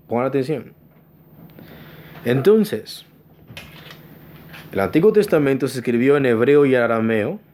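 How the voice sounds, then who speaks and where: A man's voice: mid-range voice, darkish tone. A man preaching a teaching sermon in church, often asking the congregation questions, answering them himself, and telling them to pay attention. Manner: stresses key words by slowing down. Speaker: pastor.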